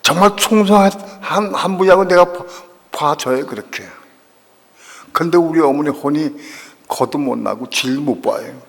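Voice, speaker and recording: A man's voice: fairly high pitch, moderate pace, fairly bright tone. An older male pastor preaching a sermon, telling a personal story with strong emotion and acting out the people he quotes. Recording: long reverb of a church hall.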